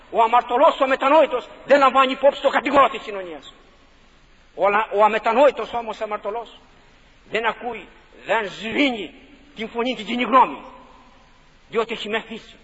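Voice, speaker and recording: A man's voice: very high voice, long pauses, bright, forceful tone. A man preaching a fervent sermon, repeating his phrases for emphasis and asking rhetorical questions. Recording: dull lo-fi recording with long hall reverb.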